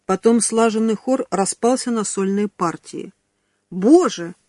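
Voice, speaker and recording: A woman reads a first-person story aloud with wry, lively timing. Her voice sits at an ordinary middle pitch. It is recorded dry and close, with no room sound. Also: measured pace, no echo. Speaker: audiobook narrator. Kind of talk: scripted first-person narration.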